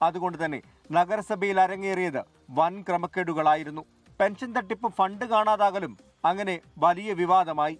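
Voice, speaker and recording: High-voiced male news reporter. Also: moderate pace, no echo, faint music behind. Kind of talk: scripted news voice-over.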